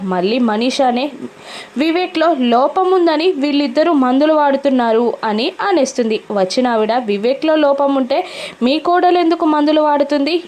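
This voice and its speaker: A woman's voice: a little high, a little mellow. A woman narrating a recap of a TV serial episode, telling it steadily and lifting her voice slightly for the quoted lines.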